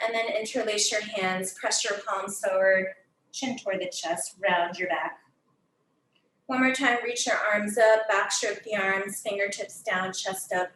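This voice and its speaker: Cueing a workout class in a gym studio, this young woman counts down and announces moves while slightly winded. She sounds mid-range, steady and fairly bright, speaking a little slowly, captured distantly in an echoey room with slight background noise.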